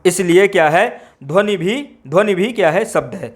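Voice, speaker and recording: A man's voice: sits high, animated, moderate pace. A man teaching Sanskrit grammar in an exam-prep lecture, repeating key phrases and asking rhetorical questions.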